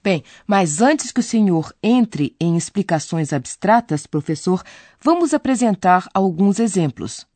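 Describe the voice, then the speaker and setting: A woman co-presents a scripted radio lesson, putting listeners' questions to the teacher in a conversational, inquisitive way. Her medium-pitched voice is animated but dark in tone, at a measured pace, with no echo.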